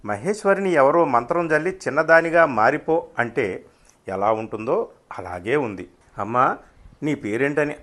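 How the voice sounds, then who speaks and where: A man reading his own short story aloud as narrator, in a wry, unhurried storytelling manner. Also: medium pitch, fairly bright tone.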